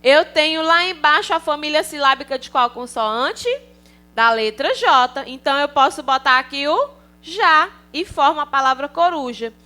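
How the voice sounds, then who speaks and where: Teaching a recorded online class to young kids, a Brazilian woman who works as a primary school teacher sounds cheerful and coaxing, regularly checking in with them. With a Brazilian Portuguese accent, she speaks in a high-pitched, pushed and bright voice at a moderate pace.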